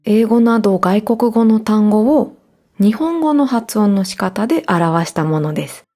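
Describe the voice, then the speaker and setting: A woman hosts a learning podcast in a mellow, warm voice. She explains things clearly and gently in a calm, scripted way. Faint guitar music plays under her. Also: medium pitch, a little slow. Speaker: podcast host.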